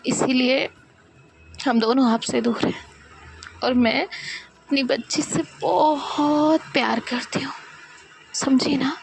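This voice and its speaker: A woman voicing a loving, remorseful mother who speaks softly and tenderly to comfort her daughter. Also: sits high, fairly even intonation, slow, vocal fry, pauses often, soft background music, heavily acted, low-quality recording.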